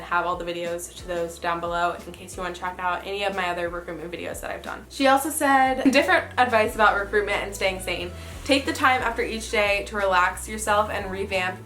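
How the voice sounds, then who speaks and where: A young woman from a sorority gives recruitment advice in a casual vlog, reading messages aloud and commenting on them. Her voice is fairly low, bright and forceful, and she chats informally, often saying "super" and "like."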